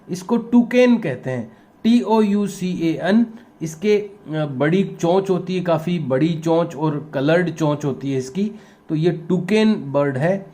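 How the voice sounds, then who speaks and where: A male teacher talks his pupils through a picture dictionary, spelling each word slowly one letter at a time. His voice sits a little high for a man, but the tone stays soft and mellow, and his pace is very unhurried. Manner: spells words letter by letter, patient and instructive. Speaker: primary school teacher. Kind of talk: slow classroom dictation lesson.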